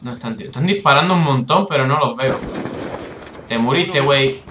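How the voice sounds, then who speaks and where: A man with a Spain Spanish accent giving excitable, swearing live commentary over his own gameplay, with bursts of frustration. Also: medium pitch, a little fast, reverberant, background noise. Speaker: gaming YouTuber.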